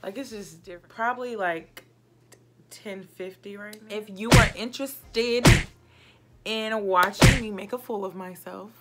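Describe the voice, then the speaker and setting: With music playing in the background, a woman in her twenties chats drunkenly to camera as a makeup vlogger, giggling and rambling. Her voice is medium in pitch and a little slow, and she sits close to the camera in a small indoor home set.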